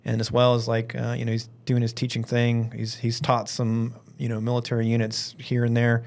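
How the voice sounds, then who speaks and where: A man's voice: medium pitch, monotone, moderate pace, creaky, a little mellow. A man from Alabama talking casually as a podcast guest, rambling informally and leaning on filler words like "like" and "you know". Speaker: firearms instructor and event organiser, interview guest.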